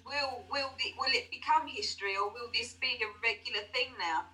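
A woman's voice: a little high, moderate pace, sharp tone, a little hiss or hum. A middle-aged woman with an Essex accent, chatting casually as a podcast guest. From London and Essex, England. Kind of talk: casual chat.

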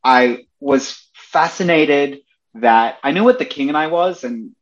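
A young Australian Broadway performer appears as a podcast guest, chatting casually in an interview. His slightly high voice is animated yet unhurried, stuffed with "like" and "you know" and full of enthusiasm, while the audio sounds dull.

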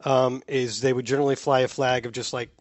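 A man's voice: mid-range voice, level tone, fast talker, dry recording. A middle-aged man co-hosting a sports podcast in casual, explanatory chat. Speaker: podcast co-host.

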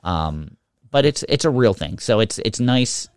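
A man's voice: lowish voice, expressive, measured pace, dry recording. A man. He sounds like a podcast co-host in conversation, recorded dry with little room sound. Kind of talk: casual chat.

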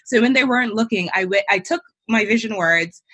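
A woman hosts a faith-centered podcast with an upbeat, encouraging delivery. Her voice has a husky, slightly breathy edge at a middle pitch. She reads her guest's introduction in a warm, polished way. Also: a little fast. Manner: upbeat, scripted intro reading. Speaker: podcast host.

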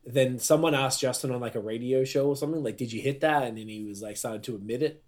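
A man's voice: mid-range voice, fast talker, a little mellow. A man hosting a podcast in casual chat, rambling and slangy, often hunting for words. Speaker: podcast host.

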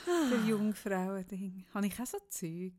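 A woman's voice: medium pitch, expressive, slow, a little mellow. A woman in her thirties with a Swiss German accent, a mother, co-hosting a casual chat, teasing her co-host and laughing often. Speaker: podcast co-host.

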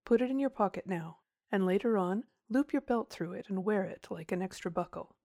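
Woman doing a slow, ominous old country farmer. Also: medium pitch, warm tone, no room sound, studio quality, close to an everyday voice. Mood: grave. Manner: slow, weighty country speech. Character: elderly rural English farmer, kindly but ominous.

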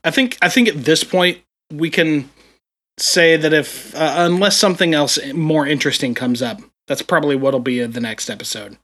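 A man's voice: on the high side, normal speed, a bit bright. A man co-hosting a casual gaming podcast, rambling along with many fillers and restarts. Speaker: podcast co-host.

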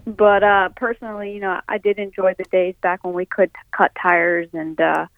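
A young woman answering interview questions over the phone, halting and full of fillers, on a tinny phone line. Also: mid-range voice, steady tone, no room sound. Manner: halting, filler-heavy speech. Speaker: racing guest.

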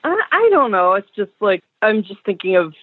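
A young woman heard on a tinny phone speaker. Her line is thin and narrow, and it sounds dry, with no room around it. She talks in a hesitant, self-conscious way and keeps her pitch in a middle range. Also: very animated, normal speed, no echo. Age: young adult. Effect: heard over a phone speaker. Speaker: caller. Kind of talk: casual phone chat.

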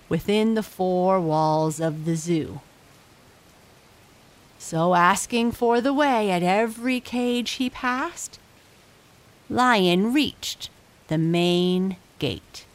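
Woman reading a bedtime story super slow and soft, lowish voice, lots of pauses. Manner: gentle, unhurried, with long pauses.

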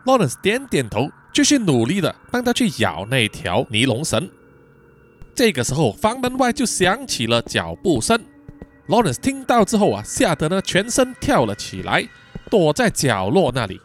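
A man with a slightly high voice tells a podcast thriller story with dramatic flair, livening it up with drawn-out particles. Faint music sits behind him.

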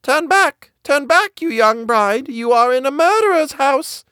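A man voicing a caged bird that cries out a warning in a shrill, very high voice. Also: animated, measured pace, sharp tone, dry recording, clean studio sound, heavily acted. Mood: urgent warning. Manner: shrill repeated calls.

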